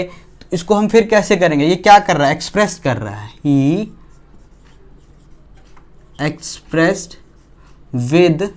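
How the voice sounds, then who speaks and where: A man teaching English grammar in an online lesson, speaking slowly and deliberately, asking questions and answering them himself. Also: a little high. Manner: slow, deliberate, asks and answers his own questions; spells out English example sentences word by word.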